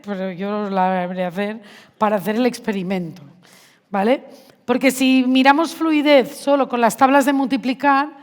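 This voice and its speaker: A woman giving a conversational conference talk to teachers, often asking the audience questions. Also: a little high. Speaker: math education speaker. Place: large hall with audience. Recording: reverberant hall.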